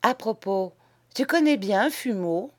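A woman's voice: medium pitch, animated, slow pace. A woman putting on a jeering young Parisian rake. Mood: mocking. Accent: Parisian drawl. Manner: drawling, jeering, gleeful. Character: cynical spoiled young Parisian man, mocking rake. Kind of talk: audiobook character voice.

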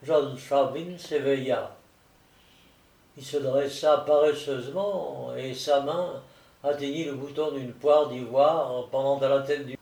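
A man narrating a storybook in a steady, theatrical reading. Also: medium pitch, takes it slowly, vocal fry. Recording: roomy echo, distant mic.

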